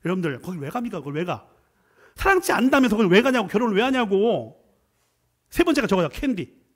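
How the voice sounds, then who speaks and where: Middle-aged male guest preacher, high voice with big swings, jokey and animated, shifts between loud bursts and quiet asides. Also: quick pace. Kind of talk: animated Friday prayer sermon.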